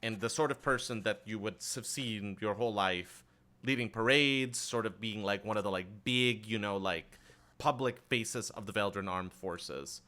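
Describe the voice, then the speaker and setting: A man narrating as game master in a relaxed, rambling way with many fillers. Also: fairly low pitch, normal speed.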